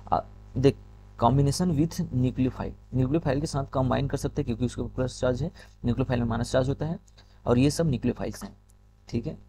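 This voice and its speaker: A man teaching a chemistry lesson from slides. He often checks in with "okay" and reads English passages slowly. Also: mid-range voice, mellow, slight background noise. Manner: repeats "ठीक है", reads English lines slowly. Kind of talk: lecture explaining slides.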